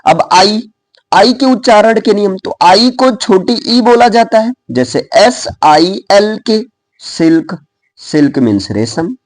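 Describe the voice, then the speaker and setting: This high-voiced man speaks with lively intonation over a dry recording. He has an Indian accent and is teaching English pronunciation, slowly spelling words letter by letter before pronouncing them. His lively classroom explanation includes frequent check-ins with the class.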